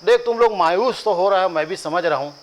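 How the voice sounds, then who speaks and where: A man's voice: sits high, fairly quick, low-quality recording. A man with a Chhattisgarhi accent teaching a coaching class, drilling lists by rhythmic repetition with joking asides to students. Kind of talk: classroom lecture with chanted drills.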